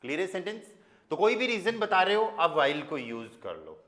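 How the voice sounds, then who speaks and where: A man with an Indian accent teaching a German grammar class in Hindi, explaining slowly and mixing in English and German examples. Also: high voice, very animated, a bit bright. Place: classroom with students and online learners. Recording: echoey classroom.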